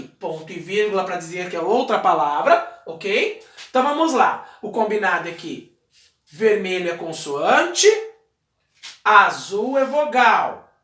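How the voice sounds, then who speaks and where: A man's voice: extremely high pitch, a bit bright. A male teacher giving a recorded lesson, explaining step by step as he writes on a wall, patient and checking in with short questions. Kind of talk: video lesson, explaining while writing. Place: indoor room, writing on a wall. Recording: echoey room.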